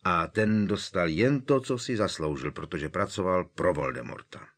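A man with a very low, deep voice narrates an audiobook in measured, scripted storytelling. He keeps an even, steady telling between the characters' lines. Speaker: audiobook reader.

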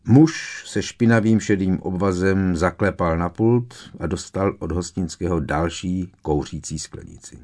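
A man narrating a fantasy novel as an audiobook in a steady, measured storytelling manner. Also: sits low. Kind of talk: scripted narration.

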